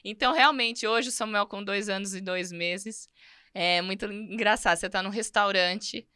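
A woman's voice: medium pitch, moderate pace, bright, forceful tone, clear, resonant tone, no room sound, studio quality. A woman hosting a casual podcast, chatting with humor and giving everyday examples. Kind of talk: casual chat.

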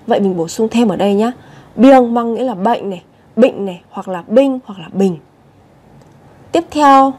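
A Korean language teacher, a woman, leads a vocabulary lesson in a slightly high, mellow, relaxed voice. She patiently repeats every word and frequently asks her viewers direct questions.

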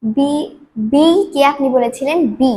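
Student, very high voice, slow careful recitation, short answers, lesson setting. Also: female voice, fairly even intonation, warm tone.

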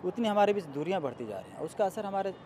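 A man giving a measured, explanatory review of a film in a street interview. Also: sits high, sing-song. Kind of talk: street vox-pop interview. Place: outdoors on a city street. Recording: faint street noise outdoors.

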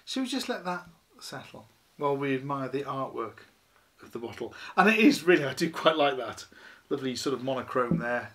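A man's voice: medium pitch, big pitch swings, a little fast, fairly bright tone. A chatty man in his fifties. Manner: chatty, rambling, self-deprecating, many ums and you-knows. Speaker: beer reviewer. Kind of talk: casual beer review to camera. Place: small living room, indoors, seated at a table.

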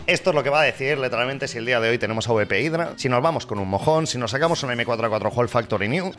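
A man from Spain commentating his case openings, swearing often and swinging from low mutters to loud cheers. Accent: Spain Spanish. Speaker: gaming streamer. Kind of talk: casual commentary while opening cases.

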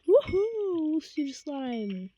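A woman's voice: sits high, very animated, very slow, muffled recording, noisy background. A woman giving casual gameplay commentary as a streamer, swearing constantly in short blunt exclamations and slangy street talk.

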